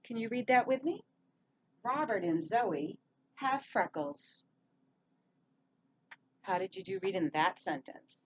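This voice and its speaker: Slow, patient woman teacher. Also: mid-range voice, expressive, a little hiss or hum. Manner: slow, clear, encouraging, drawn-out words. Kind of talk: early reading and handwriting lesson for young children.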